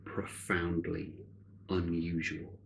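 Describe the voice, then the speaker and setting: Delivered flatly, this guided meditation comes from a man with a gravelly, low voice speaking short, solemn lines. Long, deliberate pauses keep it soothing and measured as spiritual narration, with some noise in the background.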